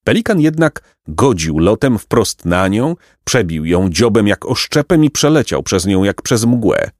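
A man narrating a children's storybook in an expressive, lyrical reading. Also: lowish voice, unhurried, no room sound, studio quality. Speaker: audiobook narrator.

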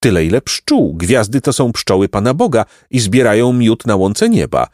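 A man voicing a tiny, hardworking female bee with a high, buzzing voice and a brisk, impatient manner. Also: very animated, darkish tone, no echo, studio quality. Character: busy tiny female bee, curt, industrious.

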